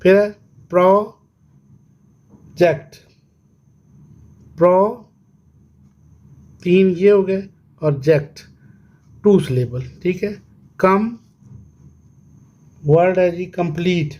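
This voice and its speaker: Pakistani guy teaching kids english, talks real slow, splits words into syllables and answers his own questions. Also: sits high, highs cut off. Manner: slow, repeats words syllable by syllable and asks then answers himself. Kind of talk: classroom lesson explanation.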